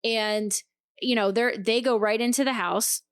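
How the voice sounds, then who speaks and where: A woman co-hosting a podcast, telling a story in casual chat, animated and swearing freely as she acts out what people said. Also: a little high, a little slow, clean tone, dry recording, studio quality. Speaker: podcast co-host.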